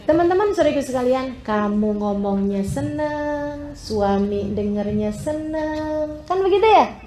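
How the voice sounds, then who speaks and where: A woman's voice: unhurried, echoey room, some chatter behind. A woman preacher giving an emotive sermon and telling stories with wide swings of expression. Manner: animated, emotive storytelling with wide pitch swings.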